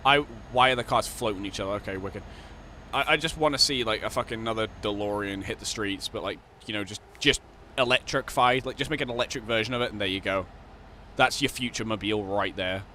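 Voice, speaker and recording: Brief: casual Scottish gaming streamer, swears constantly, faint background noise. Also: male voice, lowish voice, fairly quick, pushed and bright. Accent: Scottish, Glasgow. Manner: rambling, heavy swearing, frequent laughter. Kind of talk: casual live-stream chat while gaming.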